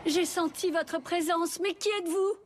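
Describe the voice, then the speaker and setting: An actress playing a haughty winged archangel in an anime dub, formal, stern and disdainful. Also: female voice, extremely high pitch, fairly even intonation, normal speed, noisy background. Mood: stern, questioning.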